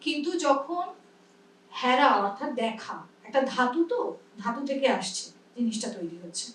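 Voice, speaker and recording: A woman with a high voice and a Bengali accent runs a pronunciation workshop. She explains step by step and keeps asking whether everyone is following. She is recorded from some distance in a roomy, echoing space. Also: big pitch swings, normal speed, fairly bright tone, a little hiss or hum. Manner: explains patiently, checks understanding often. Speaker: teacher. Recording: echoey room, mic at a distance.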